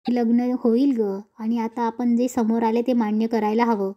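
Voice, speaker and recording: A woman voicing a composed young bride who calmly accepts a broken engagement. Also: fairly high pitch, normal speed, lo-fi sound, close to an everyday voice. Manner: composed, reasonable.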